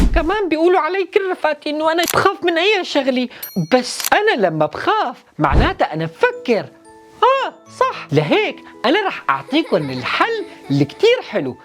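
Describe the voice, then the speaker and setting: A woman voicing a timid, playful male clown who hosts a children's show, with a Levantine Arabic accent and a sing-song, exaggerated, giggly manner. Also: sits high.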